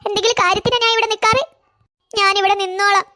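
A woman's voice: very high voice, fairly even intonation, quick pace, sharp tone, pitched above the performer's own voice. A woman voicing a sweet, clinging thirteen-year-old girl in a cartoon, pleading and affectionate. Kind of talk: cartoon voice acting.

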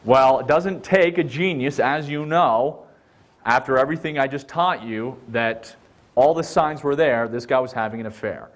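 Middle-aged male instructor, conversational, acts out quotes, mid pitch. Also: normal speed. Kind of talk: spoken teaching with personal stories.

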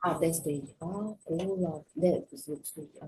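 A woman in a kindergarten classroom quietly prompting a child during a lesson, speaking in short asides. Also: on the low side, slow, slight background noise, poor audio.

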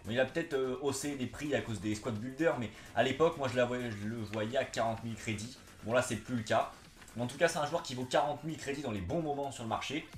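A young man talks in a casual, slangy gaming-vlog style. His s sounds come out slightly lisped and slushy. His voice is mid-pitched, recorded in a roomy, echoey space with faint music behind. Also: quick pace. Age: young adult. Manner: slangy, chatty, informal. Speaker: gaming YouTuber, host. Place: small indoor room, seated on a couch.

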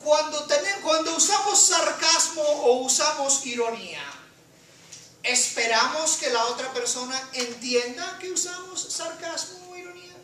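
A woman teacher lectures her class and quizzes the students, often asking "right?", switching into English and reading aloud. Her voice is high-pitched and fairly bright, her pace unhurried. The echoey classroom sounds far off, with slight background noise.

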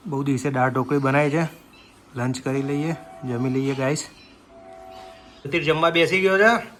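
A man's voice: medium pitch, fairly even intonation, a little slow, fairly bright tone, a little hiss or hum. A man vlogging casually from his family home, chatty and teasing, talking to his viewers while feeling a bit feverish. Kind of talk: casual family vlog narration.

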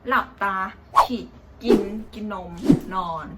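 A young woman vlogger telling a casual, animated story about her own experience, chatty and loose with slang. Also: takes it slowly. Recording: loud background noise.

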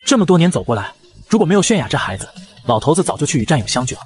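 A man's voice: on the high side, sing-song, very fast, faint music behind. A man voicing a grave old clan patriarch. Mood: solemn. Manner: solemn, courteous. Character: frail elderly male clan patriarch, grave and formal.

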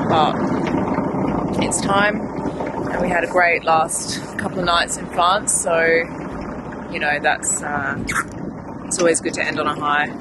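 A woman chatting casually on a sailboat, talking in an easy, admiring way. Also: on the low side. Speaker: sailing vlogger, crew. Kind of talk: casual chat on deck. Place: outdoors on a sailboat. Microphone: camera mic. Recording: loud wind and boat noise.

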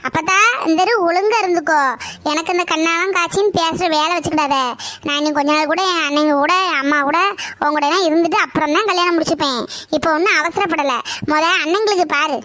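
A woman's voice: very high-pitched, steady tone, fast, no echo. A woman voicing a stubborn, teasing young woman. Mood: defiant. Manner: sharp rural Tamil banter.

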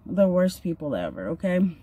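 Sitting in a parked car with her phone camera at arm's length, a vlogger in her thirties does her makeup and shares a personal story. She's chatty, earnest and heavy on fillers. Her voice sits on the low side, sing-song and husky, warm in tone, moving at a moderate pace.

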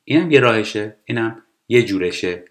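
Low-voiced man teaching English. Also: animated. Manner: explanatory, reads English lines slowly and carefully. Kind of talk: language lesson explaining TV dialogue.

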